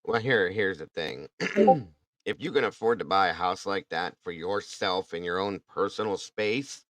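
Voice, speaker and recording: Deep-voiced blunt man, dry sound. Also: expressive, unhurried, dry recording. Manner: blunt, indignant, swears. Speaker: true crime podcast host. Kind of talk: casual chat.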